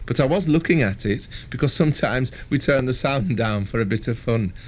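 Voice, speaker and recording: A man's voice: mid-range voice, animated, fairly quick. A man reading a first-person story aloud in a wry, conversational way. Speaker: audiobook reader.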